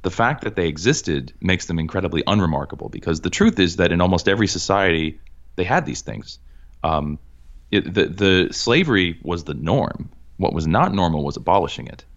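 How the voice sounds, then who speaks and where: Deep-voiced man talking earnestly, lo-fi. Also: animated, brisk. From Cambridge, Massachusetts. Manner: earnest, many restarts, emphatic. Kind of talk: casual conversational interview. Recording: dull lo-fi sound.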